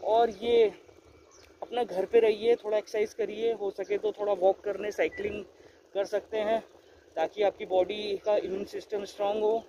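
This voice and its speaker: This is a casual ride-along vlog: a young man from India pedals by an empty stadium and earnestly shares friendly advice. He speaks at a moderate pace in a high voice that barely moves in pitch. The audio comes from his handlebar camera's mic and carries loud surrounding noise.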